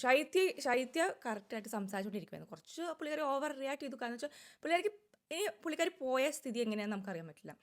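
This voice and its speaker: A woman giving casual, opinionated commentary on a reality show, talking quickly and at length. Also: on the high side. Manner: opinionated, rapid and talkative.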